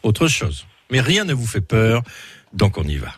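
A man's voice: lowish voice, wildly swooping pitch, measured pace, husky, dry recording. A man hosting a radio quiz show in a playful, teasing way.

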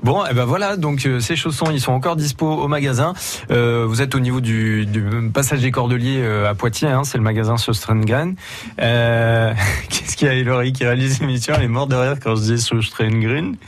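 A man's voice: mid-range voice, fairly even intonation, brisk, a little hiss or hum. A man hosting a local radio show, chatting with a guest in a playful, joking way. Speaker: radio host. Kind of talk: casual radio interview. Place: radio studio.

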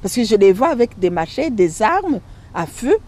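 Burundi-born woman telling her story on the radio, soft dark voice, keeps breaking off and restarting. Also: a little high, big pitch swings. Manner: halting, emotional retelling with broken restarts. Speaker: interview guest. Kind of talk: radio testimony.

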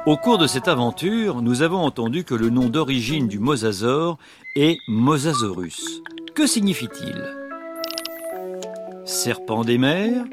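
A man narrating an adventure like a nature documentary, in an animated, dramatized way, as host of a children's show. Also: mid-range voice, a little slow, over music.

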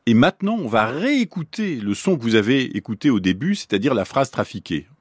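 Man teaching brain science on the radio, voice rises and falls a lot, kinda husky, dry studio sound. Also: medium pitch, brisk, no echo. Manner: explanatory, lively, poses questions to listeners. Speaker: neuroscientist explaining the brain.

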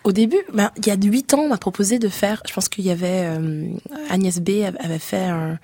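A woman's voice: medium pitch, fairly even intonation, fairly quick, warm tone, dry recording. A woman from Canada, a musician guest on a radio interview, talking with frequent restarts and fillers. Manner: hesitant, many restarts and fillers.

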